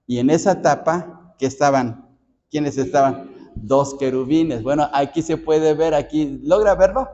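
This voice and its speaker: A man's voice: a little high, a little mellow. A male pastor with a Mexican accent leading a Bible study, talking conversationally, repeating words and often checking in with the congregation. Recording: dull sound with long hall reverb.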